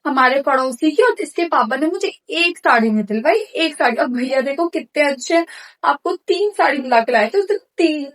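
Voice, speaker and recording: A woman's voice: high-pitched, animated, normal speed. A woman in a comedy skit playing a nosy, complaining younger sister-in-law who gossips slyly.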